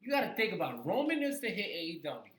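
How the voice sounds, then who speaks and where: A man's voice: sits high, fast, a crowd in the background. A man co-hosting a casual wrestling podcast, talking with energy and repeating his points for emphasis. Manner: animated, repeats himself for emphasis. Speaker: podcast co-host. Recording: echoey room.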